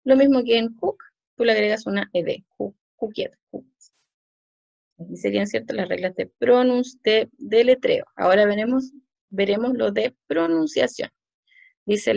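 A woman's voice: fairly high pitch, creaky, a little mellow, dry recording. A woman teacher with a Chilean Spanish accent, patiently explaining English pronunciation rules to her class in a recorded lesson, often checking that students follow. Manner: slow, patient explaining, with many "¿cierto?" and "¿ya?" checks.

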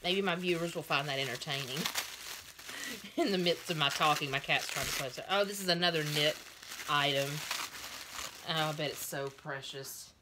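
A woman's voice: low-pitched, normal speed, pauses often, background noise. A woman in her thirties at home, casually unboxing a doll for a vlog and gushing over each tiny item. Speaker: doll collector vlogger. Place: at home with cat and child nearby.

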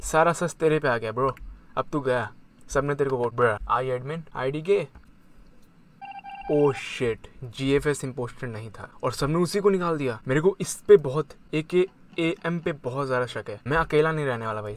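Excitable young man gaming. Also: on the high side. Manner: excitable, chatty, mixing Hindi and English. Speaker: gamer. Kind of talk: casual gaming commentary.

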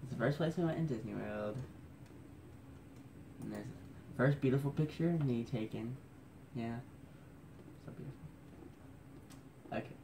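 Hushed, rambling young man vlogging. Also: mid-range voice, a little slow, creaky, pauses often, a little hiss or hum. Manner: rambling, self-mocking; hushed, keeping his voice down. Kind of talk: casual photo-scrolling commentary. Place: at home indoors at night.

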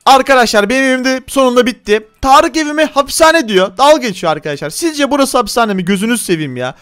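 A man's voice: very high voice, expressive, quick pace, fairly bright tone, clear, resonant tone. A man hosting a gaming channel, giving chatty, teasing Minecraft gameplay commentary to his viewers.

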